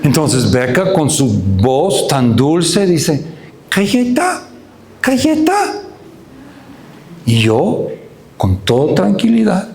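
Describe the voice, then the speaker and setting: A man's voice: mid-range voice, very animated, slow, creaky, a little mellow. A male pastor preaching a sermon, telling a family story with acted-out dialogue. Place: church. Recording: roomy church hall.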